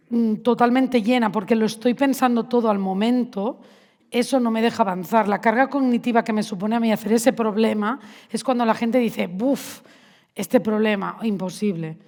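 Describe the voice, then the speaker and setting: A woman's voice: a little high, darkish tone. A woman giving a conversational conference talk to teachers, often asking the audience questions. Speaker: math education speaker. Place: large hall with audience. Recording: reverberant hall.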